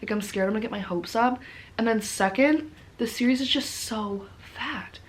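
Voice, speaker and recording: A woman's voice: on the high side, moderate pace, a little hiss or hum. A tired woman chatting casually to camera as a book vlogger, informal, rambling and self-deprecating. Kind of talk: casual rambling chat to camera about books.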